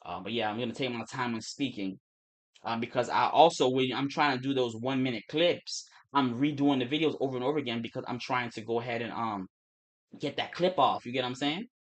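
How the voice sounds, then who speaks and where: Talking quickly on a trading livestream, this young Turks and Caicos man has an accent blending Caribbean Creole-English with American speech. His casual talk is full of restarts and cursing, delivered in a mid-range voice.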